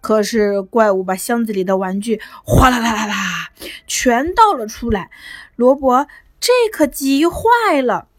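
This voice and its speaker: A woman narrating a bedtime story for children with a gentle, clear reading voice. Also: on the high side, expressive, a little slow, no room sound.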